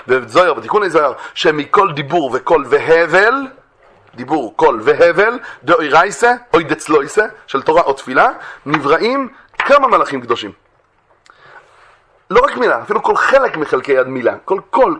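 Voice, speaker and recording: A man giving a religious lesson. He reads classic mystical texts aloud, explains them in plain speech, and swings between raised, emphatic phrases and quiet, low asides. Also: big pitch swings. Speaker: Torah teacher.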